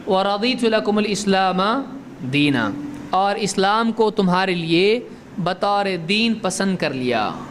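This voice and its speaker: A man giving a religious lesson. He asks his listeners questions, answers them himself, and recites Arabic verses slowly. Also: high-pitched, fairly bright tone, slight background noise. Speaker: Islamic religious teacher. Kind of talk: religious lecture.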